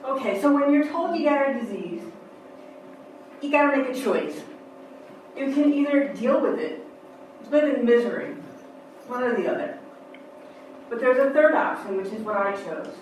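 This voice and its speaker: A woman's voice: a little high, expressive, moderate pace, pauses often, a little hiss or hum. A woman performing a personal memoir in a wry, upbeat, conversational way, recorded from far off in an echoey room.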